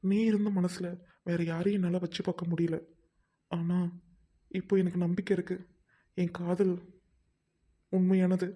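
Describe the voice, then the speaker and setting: Woman acting devoted lovelorn man, soft, earnest, consoling, flat delivery, dark tone. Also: lowish voice, a little slow, long pauses. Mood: tender. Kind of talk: amateur drama acting.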